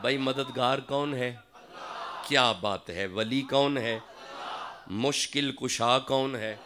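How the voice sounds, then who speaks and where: A man with a Pakistani accent preaching a fiery sermon to a gathering, calling out questions to the crowd and slowing down to recite verses. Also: medium pitch, background noise. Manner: fiery, calls out to audience for responses, slows for recitation. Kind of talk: religious sermon.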